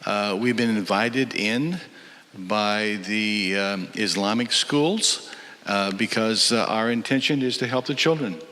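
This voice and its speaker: Give me a calm mission worker with a very deep voice, measured speech, played back in an echoey hall. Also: male voice. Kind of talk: documentary interview clip. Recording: echoey hall playback with music.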